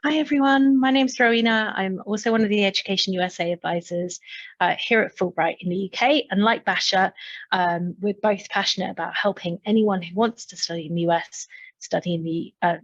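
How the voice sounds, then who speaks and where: A woman's voice: medium pitch, a little fast, no room sound, lo-fi sound. A woman from the UK, an education advisor, introducing herself in a webinar with friendly enthusiasm. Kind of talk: webinar presentation.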